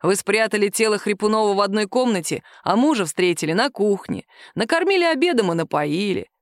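A woman voicing a calm, caustic male police captain who questions a suspect slowly in an audiobook. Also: mid-range voice, no room sound, close to an everyday voice. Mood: dry. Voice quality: nagging, dry. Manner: slow, calm, measured interrogation.

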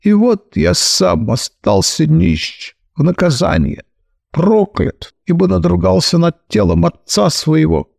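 A man voicing an excitable, self-pitying grown man who whines nasally and laments theatrically. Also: fairly high pitch, takes it slowly, vocal fry, no echo, clean studio sound, voice pushed up, heavily acted. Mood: wailing.

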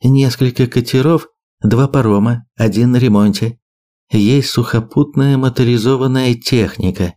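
A man's voice: medium pitch, normal speed, dark tone, pitched above the performer's own voice, natural voice. A man voicing an earnest male islander who explains things in a careful, informative way in an audiobook. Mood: explaining.

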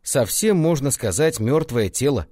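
A man voicing a hard-of-hearing old village constable, hoarse and gruff, shouting his words. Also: mid-range voice, lively intonation, a little slow, dry recording, clean studio sound, pitched above the performer's own voice.

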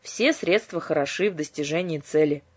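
A woman voicing a clever, bossy teenage boy who lectures in a self-assured way, with a breathy voice. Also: low-pitched, moderate pace, darkish tone. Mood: lecturing.

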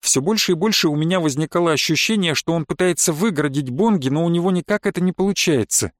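A man's voice: a little high, fast, no room sound. A man narrating a story in the first person, in a dry, mocking manner. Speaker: audiobook narrator.

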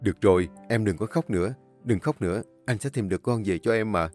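A man voicing a young father who speaks forcefully and angrily. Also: lowish voice, a little fast, faint music behind, lightly acted. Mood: urgent reassuring. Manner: angry, forceful. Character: young father, furious and commanding.

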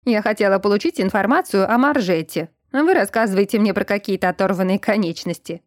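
A woman reading the part of a haughty, sharp-tongued rich old widow who gives curt, scornful retorts. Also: medium pitch, fast, no echo, clean studio sound, lightly acted.

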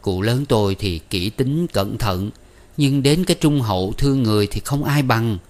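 A man's voice: medium pitch, lively intonation, moderate pace, darkish tone, lightly acted. A man voicing a fawning, chatty middle-aged woman matchmaker who coaxes and wheedles in an audiobook reading. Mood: coaxing. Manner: wheedling, coaxing, persuasive.

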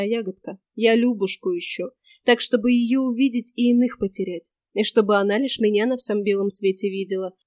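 A woman reading a story aloud and voicing a stubborn young male knight who speaks in calm, measured, old-fashioned phrases. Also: on the high side, no room sound, natural voice. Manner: calm, measured, folksy old-style speech.

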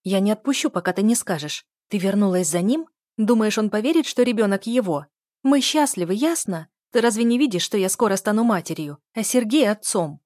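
A woman reading aloud, voicing a jealous pregnant young sister who is shrill and on the edge of hysteria. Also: animated, brisk, darkish tone, no echo, studio quality, lightly acted. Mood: hysterical, accusing. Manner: shrill, accusing, near hysteria.

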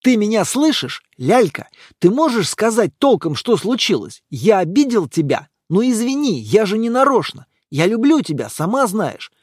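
A man's voice: high voice, very animated, moderate pace, hardly any pauses, darkish tone, husky, no echo, studio quality, pitched above the performer's own voice, full character voice. A man voicing a bewildered young man who pleads and makes excuses to his girlfriend. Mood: pleading.

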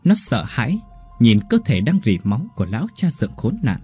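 A man narrating a horror story in a dramatic, expressive way. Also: mid-range voice, a little fast, slightly rough, soft background music.

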